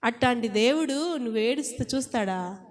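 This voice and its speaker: A woman with a high voice preaches an impassioned sermon, throwing question after question at her listeners. Her voice rings out with a long reverb, as if she is speaking in a large hall. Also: animated, normal speed. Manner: impassioned, asks the congregation many rhetorical questions.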